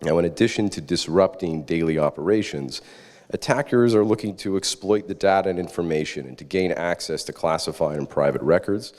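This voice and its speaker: A man's voice: deep voice, fairly quick, darkish tone. A man giving formal, courteous podium remarks as the facilitator of a conference panel, with rhetorical turns. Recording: reverberant hall.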